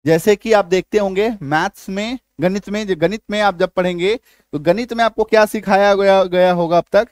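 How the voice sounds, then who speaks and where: A man's voice: high voice, moderate pace, a little mellow, dry recording. A man teaching a spelling lesson step by step, often stopping to ask if the learner has understood. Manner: repeats checks like "ठीक है?" and "आया समझ में?" often; patient, step-by-step explaining. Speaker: English teacher.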